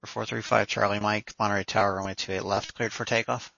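A man's voice: fairly low pitch, little pitch movement, a little fast, creaky, bright, forceful tone, no room sound, lo-fi sound. A man working as an air traffic controller, giving procedural instructions over the radio. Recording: dry, band-limited radio audio.

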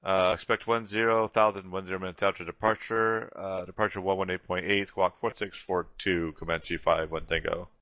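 A man speaking as a pilot over the radio, reading back clearances. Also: deep voice, level tone, moderate pace, hardly any pauses, dry recording. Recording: dull, dry lo-fi radio transmission.

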